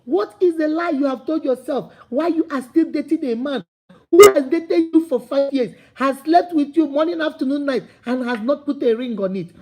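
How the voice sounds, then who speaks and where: Poor audio captures a woman with a Nigerian accent and a high, slightly mellow voice speaking at a moderate pace. She's a motivational speaker whose passionate, preachy talk repeats its points and builds to emphatic calls.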